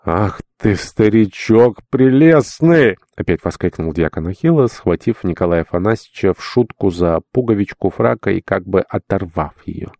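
A man narrating a classic novel as an audiobook in a measured storytelling manner. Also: sits low, gravelly, a little mellow, no echo, clean studio sound.

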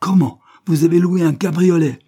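A man reading an audiobook, voicing an irascible, sarcastic older spinster who scolds in loud outbursts. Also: lowish voice, expressive, moderate pace, breathy edge. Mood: angry. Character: irascible sharp-tongued older spinster woman.

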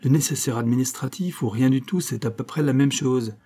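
Guy reading as a loud swearing army captain, mellow husky voice, bit higher and louder than his narration. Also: fairly quick, close to an everyday voice. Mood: indignant. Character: blustering hearty male army captain. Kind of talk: audiobook character reading.

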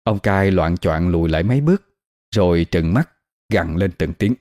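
Deep dark-voiced storyteller. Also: male voice, no echo, studio quality. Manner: steady, measured storytelling. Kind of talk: scripted horror story narration. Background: faint music.

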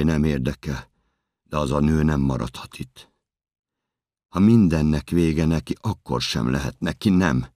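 An actor performing an audiobook monologue as a desperate, obsessive man in a security booth, speaking in terse fragments that break into shouting. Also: a bass voice, dry recording, studio quality.

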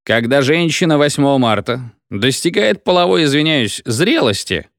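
A man's voice: medium pitch, lively intonation, normal speed, dry recording, studio quality, voice pushed up, natural voice. A man voicing a drunken, pompous village medic who lectures in a rambling, hiccuping sing-song. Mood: tipsy lecturing.

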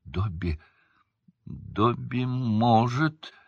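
A man voicing a timid, eager male house-elf who squeaks nervously and stammers, in a storybook reading. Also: lively intonation, measured pace, a bit bright, dry recording, highs cut off. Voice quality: high squeak, breathy. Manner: nervous, stammering, self-abasing.

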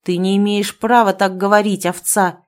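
Brief: a woman doing a raging, violent husband from an audiobook, shouting, in a dark reading voice. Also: mid-range voice, fairly even intonation, measured pace, lightly acted. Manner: shouting angrily.

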